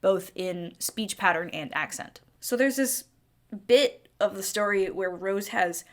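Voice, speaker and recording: A woman's voice: medium pitch, measured pace. A woman giving scripted, opinionated video-essay commentary as a critical game reviewer.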